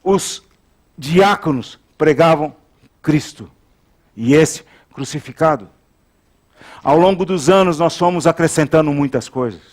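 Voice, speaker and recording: A pastor delivers a sermon in a notably high voice. He hammers phrases through repetition and leads the congregation in call-and-response. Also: measured pace, pauses often, darkish tone.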